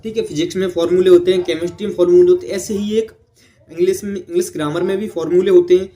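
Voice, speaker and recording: A man with a slightly higher-pitched voice and a mellow, soft tone, teaching a basic English lesson to online viewers. He repeats each point and keeps checking in with the viewer after nearly every phrase, quizzing them and then answering himself. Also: steady tone, very fast. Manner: repetitive teaching, constant "theek hai?" check-ins, quizzing the viewer.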